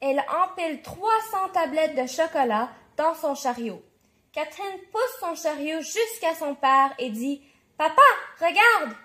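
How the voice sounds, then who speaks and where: A woman reading a children's bedtime story aloud. Her voice sits very high, and her reading is clear and lively. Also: unhurried. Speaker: storybook reader.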